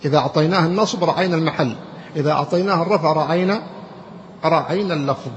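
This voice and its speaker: A man with a somewhat high voice teaches grammar to a class, explaining step by step and throwing questions at his students. The recording is dull and muffled, with a long reverb trailing off the hall and a faint hiss underneath. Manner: explains slowly, quizzes students with rhetorical questions. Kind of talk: classroom lecture.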